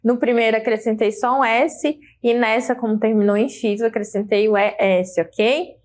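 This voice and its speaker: A woman's voice: fairly high pitch, steady tone, normal speed, darkish tone. A Brazilian woman with a Brazilian Portuguese accent teaching an English grammar lesson, explaining patiently and checking in with her students.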